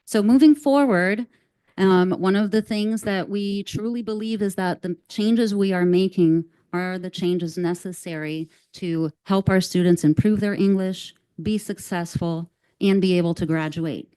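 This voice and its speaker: A woman giving a measured, earnest formal presentation at a school board meeting, with an occasional "um", speaking into a microphone. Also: medium pitch, steady tone, dark tone, clean tone. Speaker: district staff presenter.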